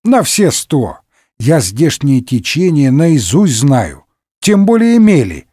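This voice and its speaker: A cheerful, boastful old nobleman musketeer, raised and lively in pitch, who spins tall tales in a comic storybook reading, voiced by a man. His lines come dry and close. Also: slow, no room sound, heavily acted. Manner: exclamatory, tall-tale bragging.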